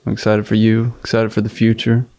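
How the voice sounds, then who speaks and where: A man in his thirties speaks as a podcast guest in an earnest, steady way. His voice is gravelly and warm, with a fairly flat pitch. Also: brisk. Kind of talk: casual chat.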